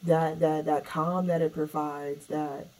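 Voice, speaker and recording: A woman with a lowish voice, speaking loosely and expressively, swearing casually as she chats. She sits a little back from the microphone, so she sounds slightly distant. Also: level tone, slow, darkish tone. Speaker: yoga instructor. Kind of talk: casual podcast chat.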